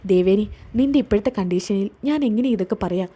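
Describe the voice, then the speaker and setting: A calm woman doctor who breaks difficult news carefully, voiced by a woman. She speaks in a measured, reassuring way, with a warm, husky tone. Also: mid-range voice, close to an everyday voice. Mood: grave.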